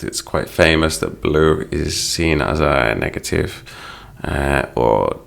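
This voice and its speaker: A man's voice: a bass voice, slow pace, gravelly, a bit bright, clear, resonant tone. A man teaching English by explaining song lyrics line by line, in a patient, explanatory manner.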